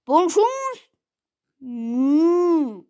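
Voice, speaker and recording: A woman voicing a kind motherly cow who must stay with her calf, speaking gently. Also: high voice, drawn-out words, voice pushed up. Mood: gentle.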